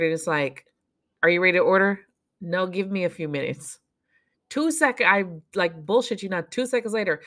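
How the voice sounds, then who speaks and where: A woman hosting a podcast, giving a casual motivational monologue in a blunt, profane, animated way. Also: on the low side. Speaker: podcast host.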